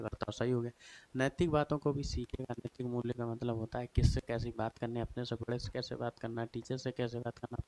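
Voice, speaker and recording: A man's voice: mid-range voice, a little mellow, a little hiss or hum. Chatty man teaching an exam class. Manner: chatty, repeats "theek hai" and "bhai sahab" often; asks and answers his own questions. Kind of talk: explanatory exam lesson.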